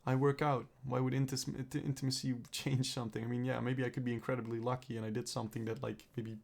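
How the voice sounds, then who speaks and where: Fast-talking and level in tone, this young man's mid-range voice carries vocal fry and a slight mellowness. He's a vlogger on the mend from a cold, throat clearing up, rambling and swearing through his personal video diary.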